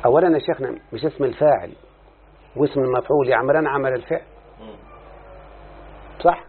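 Over a faint hiss or hum, a man with a mid-range voice delivers a quick grammar lesson on Arabic morphology, explaining a text. He keeps stopping to question and address whoever is listening, and the recording sounds muffled and lo-fi, like a phone.

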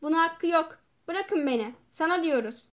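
Brief: woman voicing an enraged male asylum inmate, loud, pitched up, storybook reading. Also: expressive, moderate pace. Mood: outraged. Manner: furious, shouting accusations. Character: desperate shouting male asylum patient.

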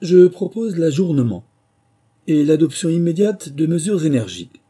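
A man's voice: on the high side, very animated, moderate pace, warm tone, husky, pitched above the performer's own voice. A man voicing a grandiloquent male dodo who speaks with great emphasis. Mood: grandiose.

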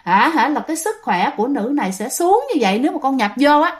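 Woman voicing a gentle male exorcist, soft-spoken, coaxing. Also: high voice, sing-song, quick pace.

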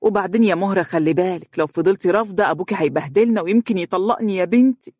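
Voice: mid-range voice, animated, darkish tone, no room sound, studio quality, voice pushed up, lightly acted. Narrator voicing a nagging Egyptian mother. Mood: pleading. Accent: Egyptian Arabic. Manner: urgent, nagging, rapid. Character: fussy middle-aged mother, pleading.

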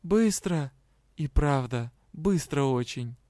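A man's voice: on the high side, lively intonation, slow, dark tone, dry recording, studio quality. A man reading an audiobook, voicing a bold young female magic student. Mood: firm.

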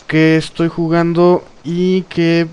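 A man's voice: fairly high pitch, takes it slowly, smooth. Chatty man hosting a podcast. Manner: animated, laughs often, trails off with fillers. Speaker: podcast host. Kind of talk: casual gaming chat.

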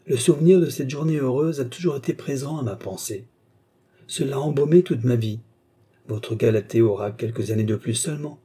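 Brief: man putting on an eager middle-aged baker's wife, fervent, dark husky tone, storybook. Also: medium pitch, lightly acted. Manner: fervent, pleading.

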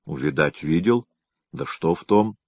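A man's voice: extremely low pitch, animated, unhurried, a little mellow, dry recording, studio quality. A man doing a proud, teasing young soldier. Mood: offhand. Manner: teasing, boastful. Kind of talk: audiobook character reading.

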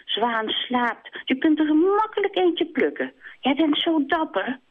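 A woman's voice: high-pitched, sing-song, unhurried, pitched above the performer's own voice. A woman voicing a vain, coaxing female hen in a storybook reading, sweetly pleading. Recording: tinny phone line.

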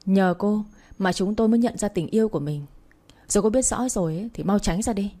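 A cold, arrogant young man, as a woman narrator reads him, snapping curt and dismissive orders. The voice is mellow and warm, at a middle pitch. He speaks as a figure in a read-aloud romance story. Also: fairly quick, lightly acted. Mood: teasing.

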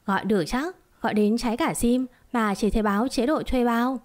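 A woman's voice: a little high, a little fast, natural voice. A woman voicing a brash young man who retorts and teases, in a storybook reading. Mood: retorting. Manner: retorting, teasing. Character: brash young man, teasing adoptive father.

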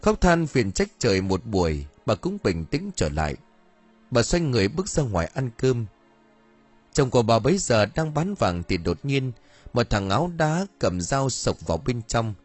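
A man reading a story aloud as narrator, in an expressive, dramatic audiobook style. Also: mid-range voice, moderate pace, husky. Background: faint music.

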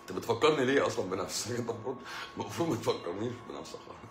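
A man's voice: lowish voice, lively intonation, very fast, echoey room, heavy background noise. A middle-aged man with an Egyptian Arabic accent, a doctor chatting casually with live-stream viewers, telling jokey stories and laughing often. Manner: joking storyteller, laughs often.

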